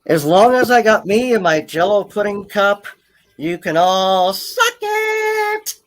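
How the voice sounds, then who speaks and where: A man joking in crude casual banter in an online voice chat, with deadpan one-liners and giggles. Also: high-pitched, normal speed.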